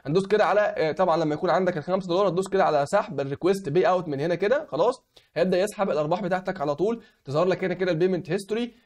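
Here an online tutorial host, a young Egyptian man, walks through a website on a screen recording. He speaks in a high, darkish voice roughened by a cold, with an Egyptian Arabic accent, and constantly checks in by asking "okay?"

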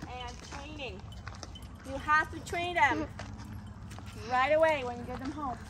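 Speaking at a measured pace in a sharp, high voice, a middle-aged woman earnestly gives dog advice in a casual vlog, with non-native phrasing. The dog owner is filming on a wooded hiking trail, where another person holds the camera a few steps away and the outdoor audio is noisy.

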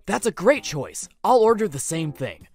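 A woman's voice: fairly low pitch, very animated, normal speed, darkish tone, soft background music. A woman voicing a diner at a sushi restaurant in a dubbed cartoon. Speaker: voice actor.

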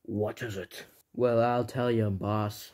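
A man's voice: on the low side, steady tone, takes it slowly, darkish tone. A young man voicing a dim, eager robot henchman who rambles on in a homemade comedy skit.

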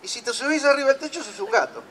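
A man's voice: very high-pitched, sing-song, rapid-fire, sharp tone. A man with a Rioplatense Argentine accent, a puppeteer teaching a workshop and joking playfully with children. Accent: Rioplatense Argentine Spanish. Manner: playful, teasing banter with children. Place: outdoor town square. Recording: outdoor crowd and street noise.

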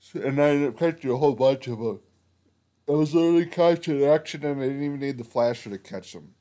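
Young male fishing vlogger, casual voice-over, rambling, mid pitch. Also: fast talker, warm tone. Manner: rambling, with frequent restarts over product names. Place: outdoors on a frozen lake, windy.

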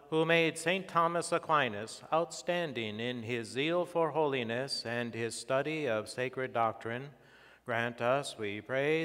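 A middle-aged male priest recites liturgy with solemn formality. His voice is smooth and resonant, and he takes his time over each phrase. The words ring out through a church microphone into a long cathedral echo. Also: mid-range voice, a bit bright. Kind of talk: liturgical prayer and scripture reading. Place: large church sanctuary, at altar and lectern. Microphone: fixed church microphone on lectern or altar.

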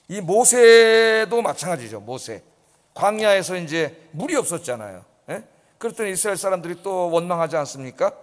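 A man with a notably high speaking voice preaches to his congregation, pressing his points with rhetorical questions. His voice rings out with the long reverb of a church sanctuary. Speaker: pastor. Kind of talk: sermon.

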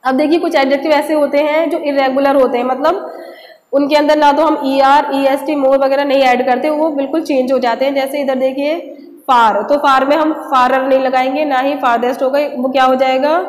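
A woman's voice: sits high, steady tone. A woman teaching an English grammar lesson to children, patiently asking and answering her own questions. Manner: repeats rhetorical questions, slow and patient. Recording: echoey room with long reverb.

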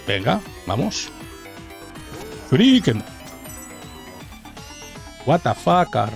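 Male streamer, Castilian accent, casual and animated play-by-play, swears freely, game music underneath. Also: a little high, very slow, vocal fry. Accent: Castilian Spanish. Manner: animated, sweary, talking to himself. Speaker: gaming streamer. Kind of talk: casual gameplay commentary. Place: small indoor streaming room. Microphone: boom-arm microphone close up. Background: video game music.

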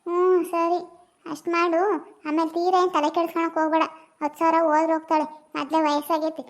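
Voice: very high-pitched, little pitch movement, fast talker. A performer voicing a young grandson in a comedy cartoon, sulking at his grandmother and then coaxing her. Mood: reassuring. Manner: sulky, reproachful.

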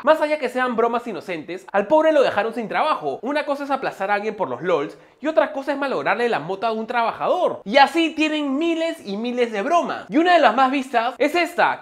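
Sarcastic commentator with lively pitch. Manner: mocking, sarcastic, exclamatory. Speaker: video commentator. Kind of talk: scripted reaction commentary.

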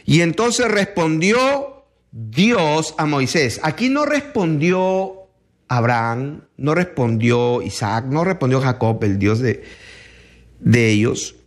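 A man giving a Bible teaching, reading scripture aloud and explaining it with many pauses. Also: a little high, sing-song. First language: not Hebrew.

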